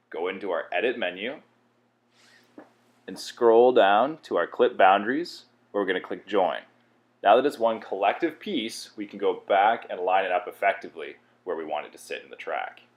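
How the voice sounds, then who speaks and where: Here a man with a deep voice leads a software tutorial, taking a newcomer through every step in a relaxed, informal manner.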